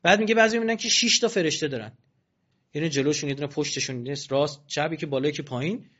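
Male preacher, colloquial and animated with mocking asides, slightly high voice, muffled lo-fi recording. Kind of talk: religious sermon. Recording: dull lo-fi recording.

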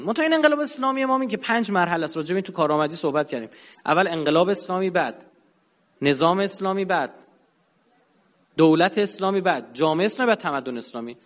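A man with a high voice lectures with force, swinging between loud peaks and low asides. The sound is dull and lo-fi, with a long hall reverb trailing behind him. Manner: emphatic, rising and dropping sharply. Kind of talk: religious-political lecture.

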